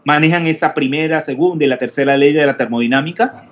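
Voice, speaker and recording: A man's voice: fairly high pitch, quick pace. Hesitant male chemistry teacher lecturing. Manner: questioning, explanatory, many hesitations. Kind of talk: online class lecture. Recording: dull lo-fi audio with faint noise.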